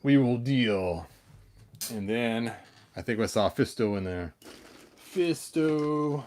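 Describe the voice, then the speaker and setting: This toy collector's mid-range voice is animated, a little mellow, and slow as he hosts his story-time hobby video. He handles action figures while chatting playfully and casually, frequently muttering under his breath.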